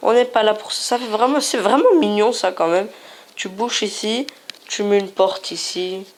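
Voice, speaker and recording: Slow-talking woman narrating a game. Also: mid-range voice, slight background noise. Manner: playful, repeats herself, chatty asides. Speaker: gaming video host. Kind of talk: casual game commentary.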